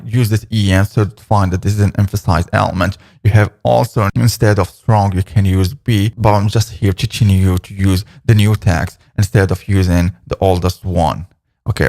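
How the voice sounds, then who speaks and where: A man's voice: fairly low pitch, gravelly, a little mellow. A man talking through a coding tutorial step by step, often restarting with "okay, let's just". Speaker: coding instructor. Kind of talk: screen-recorded coding tutorial.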